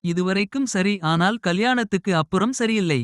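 A caring middle-aged mother with a gentle but firm, soothing way of talking, as a male narrator puts her on. Her voice sits a little higher than the reader's own, and the recording is dry and close. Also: moderate pace, smooth, no room sound, lightly acted. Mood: tender. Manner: soft scolding, tender and reassuring.

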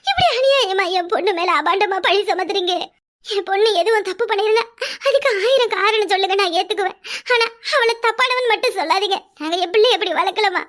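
A woman's voice: very high-pitched, a bit bright. A woman voicing a pleading, tearful middle-aged mother of a bride, speaking with a Kanyakumari Tamil accent. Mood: distressed. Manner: emotional, pleading, often on the edge of tears. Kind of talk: cartoon voice acting.

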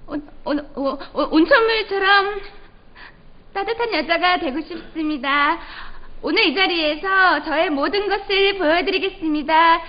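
A woman's voice: very high-pitched, measured pace, muffled recording. An actor playing a polite, eager young woman giving a rehearsed beauty pageant speech. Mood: eager, nervous. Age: young adult.

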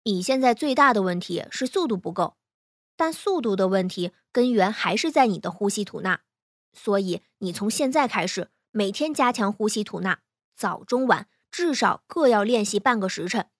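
A woman voicing a playful, easygoing young male swordsman who coaches briskly with teasing encouragement. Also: mid-range voice, lively intonation, no room sound, clean studio sound, lightly acted. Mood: instructive.

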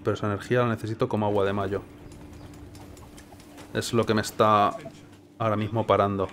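With a lowish, fairly bright voice that barely moves in pitch, this Spanish gaming host speaks a little fast. He offers relaxed gameplay commentary in a Castilian accent, wondering aloud and quizzing himself. Slight background noise is audible.

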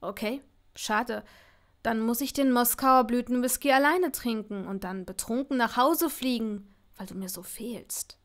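A woman voicing a young man in an audiobook, a teasing, laid-back charmer who speaks low and relaxed. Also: unhurried, natural voice. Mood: easygoing.

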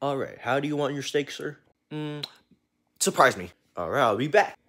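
Speaking at a medium pitch and moderate pace, a young man, teenage or a bit older, animatedly performs goofy skits full of slang and profanity, often yelling. He makes short videos on a phone held at arm's length, mostly in a cluttered garage at home.

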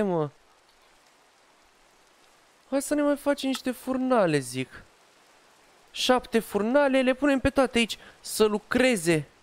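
Gaming creator, high-pitched, smooth clear voice, chatty let's play narration. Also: male voice. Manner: chatty, talks to himself and his pet dog as he plays. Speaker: gaming youtuber. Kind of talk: casual Minecraft let's play commentary.

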